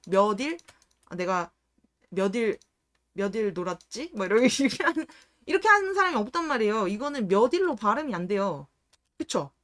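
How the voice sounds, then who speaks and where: A woman teacher runs a Korean pronunciation lesson. Her voice sits a little high and swings widely in pitch. She keeps asking her listeners questions, answers them herself, and slows down to repeat words for demonstration. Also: fairly bright tone. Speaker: reading and debate instructor. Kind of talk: explanatory Korean grammar lesson.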